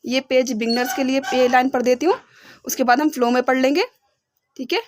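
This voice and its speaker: A young woman teaching beginner English phonics, slowly spelling out each sound and often checking that her learners follow. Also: sits high, dry recording, studio quality.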